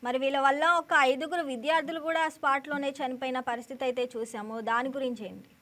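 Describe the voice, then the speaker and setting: A woman news anchor reading headlines and putting questions to a reporter in a brisk, formal way. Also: high voice, fairly even intonation, a bit bright.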